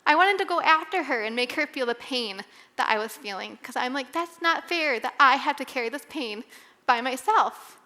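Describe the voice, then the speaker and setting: A young adult woman giving a candid personal testimony at a women's Bible study, talking conversationally with fillers and pauses. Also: high voice, lively intonation, bright, forceful tone, big-room sound. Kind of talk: personal testimony devotional talk.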